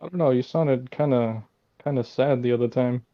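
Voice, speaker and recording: Man, mid-pitched voice, laid-back tentative game player, casual role-play chat, dull lo-fi mic. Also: normal speed.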